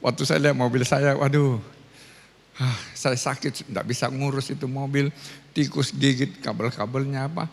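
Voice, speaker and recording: A male pastor shares a personal testimony from the pulpit of a large venue. His voice is husky with a gravelly edge, and he tells the story animatedly, slipping into the voices of others. The sound carries a long reverberant tail from the hall. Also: mid-range voice, fairly even intonation, moderate pace. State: ill with cancer. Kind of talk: testimony sermon.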